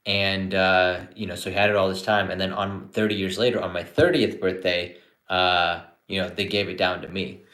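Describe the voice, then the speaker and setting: Relaxed, low-voiced man in an echoey room. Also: normal speed. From born in India, grew up in Canada. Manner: relaxed and chatty, with frequent restarts. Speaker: psychiatrist hosting a live Q&A. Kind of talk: casual live-stream chat answering viewer questions.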